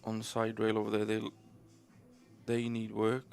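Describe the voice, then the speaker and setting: A man's voice: fairly low pitch, completely flat delivery, normal speed, vocal fry, darkish tone, faint music behind. A man with a Yorkshire accent co-commentating on pool, casual and blunt about which shot to play. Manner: casual, blunt advice on shots.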